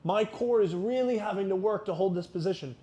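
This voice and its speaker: A man guiding exercises as a mobility instructor, explaining each step in a careful, unhurried way. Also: high voice, mellow.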